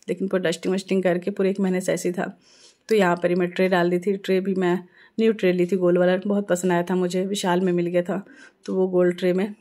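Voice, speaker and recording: A woman's voice: on the low side, mellow. A middle-aged woman with an Indian Hindi accent, chatting earnestly in a casual vlog voice-over. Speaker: family vlogger.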